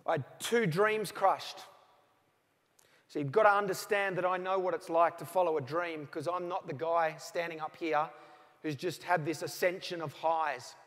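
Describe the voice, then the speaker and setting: A man's voice: a little high, fairly even intonation, moderate pace, fairly bright tone. A man in his forties with an Australian accent, giving a motivational keynote speech and telling stories with acted-out phone calls. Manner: storytelling, acts out both sides of remembered phone calls. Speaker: motivational speaker. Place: large hall with audience. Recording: reverberant hall.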